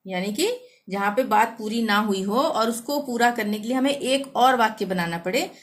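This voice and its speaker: A woman teaching a Hindi grammar lesson, reading example sentences slowly and deliberately. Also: fairly high pitch, fairly bright tone.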